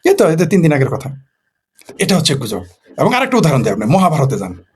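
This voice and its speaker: Fast-talking husky man. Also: on the high side, huge pitch swings, a little mellow. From Bangladesh. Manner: poses rhetorical questions and answers them himself. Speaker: political commentator. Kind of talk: casual late-night monologue.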